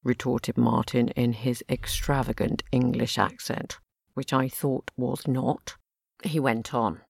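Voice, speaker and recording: A woman's voice: extremely low pitch, steady tone, takes it slowly, creaky, a little mellow, slightly rough, no echo, full character voice. A woman narrating an audio drama in the first person with a dry, self-deprecating wit. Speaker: narrator and lead character.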